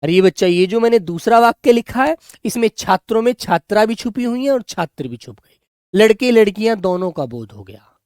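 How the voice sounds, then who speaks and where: A male teacher giving a grammar lesson to children, slowly dictating and repeating words so they can write them down, and speaking affectionately to his pupils. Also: sits high, animated, a little mellow, no room sound, studio quality. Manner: affectionate, calls students "beta".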